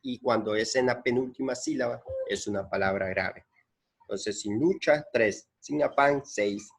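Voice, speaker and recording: A man's voice: medium pitch, unhurried, breathy edge. A man teaching a lesson, patiently explaining and repeating points and counting syllables aloud. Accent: Central American Spanish.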